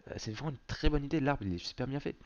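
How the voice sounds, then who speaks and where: Male gaming host, casual commentary, excitable and foul-mouthed, muffled home mic. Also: mid-range voice, racing. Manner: excitable, swears often.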